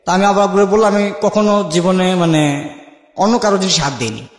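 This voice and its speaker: A man with a high voice and a Bangladeshi accent talks fairly quickly, casually recounting a story from his own life and performing the dialogue he remembers along the way. The recording sounds echoey, with a long reverb tail.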